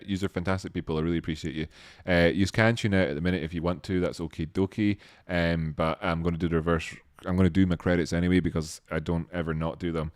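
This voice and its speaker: A man's voice: low voice, no room sound, studio quality. A man hosting a live stream, casually thanking viewers by name in a rambling, self-deprecating way with many restarts.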